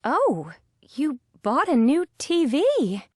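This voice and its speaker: A woman on a textbook recording reading example sentences with clear enunciation. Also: mid-range voice, lively intonation, slow pace, a little mellow, dry recording, studio quality. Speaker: speaker on a textbook audio.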